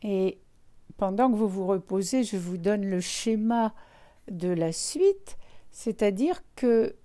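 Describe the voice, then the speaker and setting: A woman with a mellow, relaxed voice leads a guided relaxation lesson. She speaks slowly at a medium pitch, leaving frequent pauses between gentle, calm instructions. Her delivery is unhurried and addressed straight to the listener.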